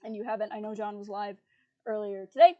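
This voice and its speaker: A woman's voice: mid-range voice, steady tone, brisk, lo-fi sound. A woman hosting a casual livestream chat, talking loosely with lots of fillers and laughing easily. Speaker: livestream host.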